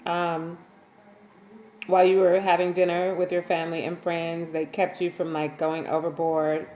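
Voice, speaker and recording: A woman's voice: fairly low pitch, moderate pace, muffled recording. A woman chats casually on a livestream, greeting viewers by name and reading their comments aloud. She talks in a loose, informal way. Her voice carries a roomy echo over a faint background hum. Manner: relaxed and informal, frequent ums and slang. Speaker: waist bead maker and seller, livestream host.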